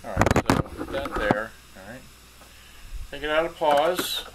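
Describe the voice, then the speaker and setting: Lively intonation marks this middle-aged man's mid-range voice as he rambles and stumbles through an improvised how-to at a cluttered indoor workbench in his home. He's a hobbyist repair video maker, heard off-screen through a camera mic in a clearly noisy workshop recording.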